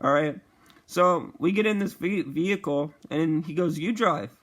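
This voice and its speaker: A young man casually telling a profane storytime vlog, animated and acting out the quotes. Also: fairly high pitch, a little slow. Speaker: vlogger.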